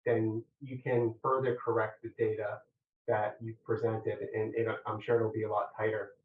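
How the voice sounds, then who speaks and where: A man giving technical feedback and questions as an examiner, halting, measured and collegial, over very echoey, distant remote audio. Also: on the low side, flat delivery, phone-quality sound, a little hiss or hum. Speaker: examiner questioning a thesis candidate.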